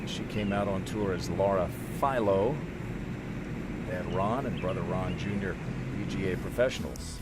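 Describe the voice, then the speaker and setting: A man's voice: low-pitched, moderate pace. A man commentating on live golf as a broadcast announcer, giving shots and player notes in short clipped phrases.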